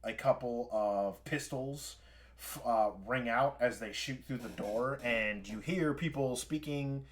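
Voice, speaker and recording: A man's voice: mid-range voice, slow, slight background noise. A man running a tabletop game as game master, narrating scenes with lots of fillers and restarts. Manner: rambling, filler-heavy narration. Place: home, streaming.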